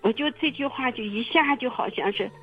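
A woman telling her own story in casual testimony, halting and repeating her words with many fillers. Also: on the high side, soft background music. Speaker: testimony guest. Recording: muffled phone-line radio recording.

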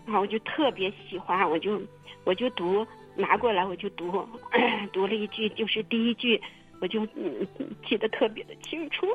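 A woman telling her own story in casual testimony, halting and repeating her words with many fillers. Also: mid-range voice, soft background music. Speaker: testimony guest. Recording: muffled phone-line radio recording.

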